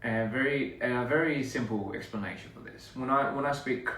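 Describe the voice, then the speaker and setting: A young Australian man, a native English speaker, chats loosely with fans on his live stream, a livestreaming artist who rambles and laughs between lines. His voice is medium-pitched and moderately paced. The sound is echoey, caught by a phone mic set far away.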